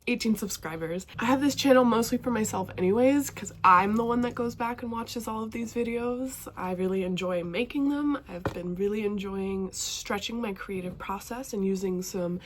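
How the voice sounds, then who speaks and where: There's a little hiss or hum behind this young woman's mid-range voice. A BookTube vlogger from northwestern Montana, she talks to the camera about books in a chatty, excited way, her voice a bit stuffy with a cold.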